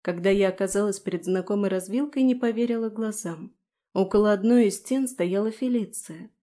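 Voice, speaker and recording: A woman narrating a first-person fantasy audiobook in a calm, measured way. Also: mid-range voice.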